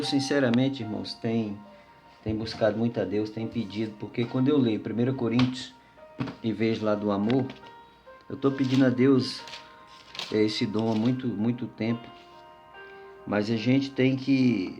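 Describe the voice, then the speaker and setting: A man's voice: medium pitch, normal speed, a little mellow, dull audio, soft background music. A man giving an informal, conversational sermon as a lay preacher, telling a personal story with many fillers and tag questions.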